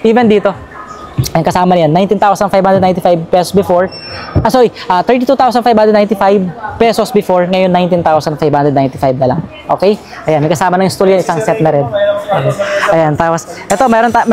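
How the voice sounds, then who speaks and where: A woman's voice: mid-range voice, a little mellow. A woman with a Filipino accent, recording a casual walkthrough vlog. She talks in a chatty, upbeat way and reads out price after price. She leans on fillers and tag questions. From Philippines. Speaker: vlogger touring a store sale. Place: large indoor furniture store sale.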